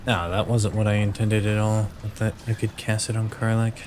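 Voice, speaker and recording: A man giving casual commentary while streaming a video game, thinking aloud and haltingly reading out stats. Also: on the low side, completely flat delivery, noisy background. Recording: game music playing underneath.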